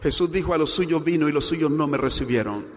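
Colombian pastor preaching in a reverberant hall. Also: male voice, fairly quick. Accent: Colombian Spanish. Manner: acts out quoted voices, swells in pitch and loudness. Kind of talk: sermon with told stories.

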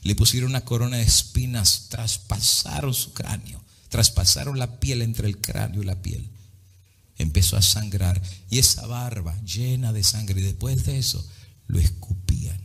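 Husky dramatic male preacher. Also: lowish voice, normal speed. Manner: dramatic, swinging between loud and hushed, switching into English. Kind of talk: sermon.

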